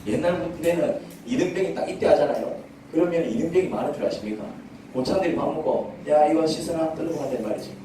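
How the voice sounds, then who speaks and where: A male pastor preaches in a church sanctuary, speaking conversationally and asking the congregation many questions. His voice is a little high, animated, warm and quick. The rough recording is very echoey, with a distant mic and a little hiss or hum.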